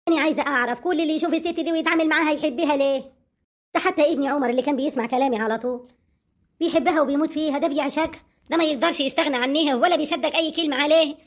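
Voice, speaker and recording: A woman's voice: high-pitched, racing. A woman with an Egyptian accent playing a scheming, hot-tempered peasant mother-in-law who talks sharply and indignantly.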